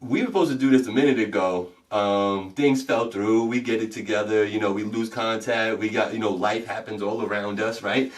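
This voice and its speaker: A man hosting a casual interview show, hyping the viewers with shout-outs and laid-back banter. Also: fairly low pitch, steady tone, moderate pace, hardly any pauses, recorded from a distance. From Puerto Rican family. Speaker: host. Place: studio in Beacon, New York.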